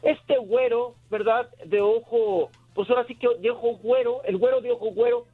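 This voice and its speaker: A man's voice: very high-pitched, fairly quick, breathy edge. A man calling in by phone, giving a playful, chatty showbiz news report on a talk show. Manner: chatty, playful, tongue-in-cheek. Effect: heard over a phone line. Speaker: entertainment reporter. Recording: tinny phone line.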